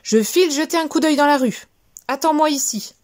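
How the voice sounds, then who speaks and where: A woman voicing a calm father mouse in a storybook, reassuring and gentle. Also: sits high, brisk, pitched above the performer's own voice, lightly acted.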